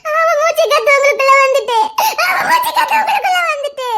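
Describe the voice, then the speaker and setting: A woman's voice: extremely high pitch, very animated, quick pace, sharp tone, full character voice. A woman playing a sobbing young wife. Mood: tearful, pleading. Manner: sobbing and laughing through tears. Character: young wife, tearful, jealous and self-blaming. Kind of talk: Tamil romance audio drama.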